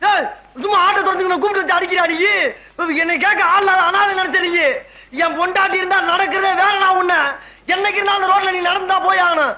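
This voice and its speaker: An actor playing a cheeky, defiant auto-rickshaw driver who talks back to a bully. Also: male voice, extremely high pitch, flat delivery, fast, sharp tone, dull audio, slight background noise, heavily acted. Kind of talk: film comedy acting.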